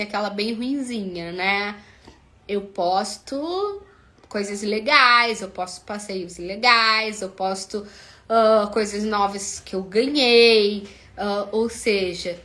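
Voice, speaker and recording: Slow-talking woman psychologist. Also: medium pitch, a bit bright. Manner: chatty, many fillers, acts out dialogue. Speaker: psychologist and channel host. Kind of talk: casual talk to camera.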